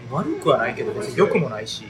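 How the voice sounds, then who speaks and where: Quick, animated young Kansai man. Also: mid-range voice, loud music behind the voice. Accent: Kansai Japanese. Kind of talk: casual chat between friends.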